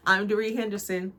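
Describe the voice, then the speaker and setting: A woman's voice: mid-range voice, a bit bright. Earnest American woman coach talking faith. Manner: earnest, conversational, preacher-like encouragement. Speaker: empowerment coach and channel host. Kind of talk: inspirational faith talk to camera.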